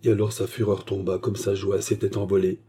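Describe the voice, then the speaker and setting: A man reading a novel aloud as scripted narration, with a steady literary delivery and a shift in voice for each character. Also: on the low side, brisk, a little hiss or hum. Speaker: audiobook reader.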